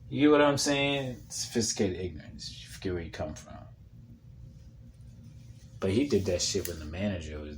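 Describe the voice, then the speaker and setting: A comedian telling a rambling, profane story in a casual monologue, often dropping into a low mutter when repeating what was said. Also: male voice, slight background noise.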